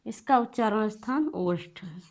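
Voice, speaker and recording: A woman's voice: medium pitch, expressive, normal speed. A woman teaching Sanskrit sounds, reciting and repeating terms while writing on the board.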